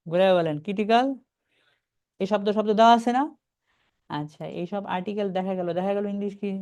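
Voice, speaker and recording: A man leads a live online class in a relaxed, chatty way. He calls out the students who answered and slows right down to read English sentences phrase by phrase. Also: high-pitched, clean tone. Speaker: IELTS reading teacher.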